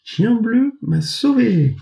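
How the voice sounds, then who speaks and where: A man's voice: takes it slowly, creaky, heavily acted. A man voicing a cheerful little girl in a children's story. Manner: high, bright and lively.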